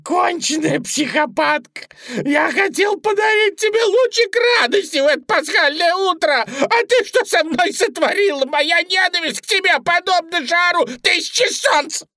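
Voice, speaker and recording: A woman voicing a tiny male chocolate bunny in a storybook reading, squeaky and wailing as it curses and begs. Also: sing-song, measured pace, hardly any pauses, pushed and bright, dry recording, studio quality, full character voice. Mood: anguished shrieking. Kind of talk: storybook narration.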